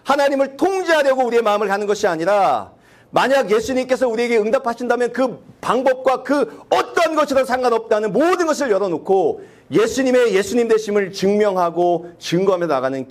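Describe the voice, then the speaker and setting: A male pastor delivering a sermon in a church sanctuary. His voice sits high and swings widely in pitch. He keeps putting questions to the congregation and acts out prayers in a raised, slowed tone. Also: animated. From South Korea.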